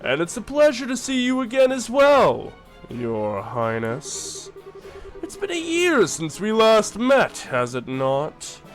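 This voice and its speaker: Guy doing a cold scheming chancellor, slow and formal, big swings in pitch. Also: wildly swooping pitch, soft background music, heavily acted, low-quality recording. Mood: smooth formal. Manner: measured, formal, unhurried. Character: stern imperial male chancellor, middle-aged, calculating.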